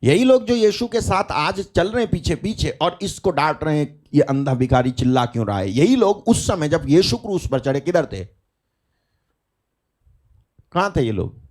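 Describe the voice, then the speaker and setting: A man's voice: sits high, very animated, measured pace. A man preaching a sermon at a live prayer meeting, talking emphatically with rhetorical questions and calls of hallelujah.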